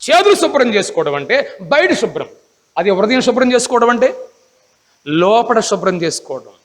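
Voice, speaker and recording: A man's voice: high-pitched, big pitch swings, normal speed, big-room sound. A man preaching a Bible class sermon, emphatic, often asking the congregation rhetorical questions.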